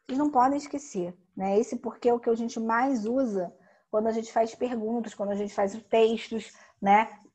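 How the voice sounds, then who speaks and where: A woman teacher walks students through a grammar lesson. Her voice is somewhat husky and a little higher than average. She stresses each rule slowly and checks in often with quick tag questions. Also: steady tone, a little mellow. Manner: slow emphatic explaining with frequent tag questions.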